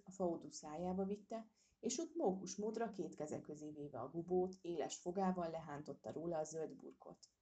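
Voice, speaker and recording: A woman reading a children's storybook aloud with expressive narration. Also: on the low side.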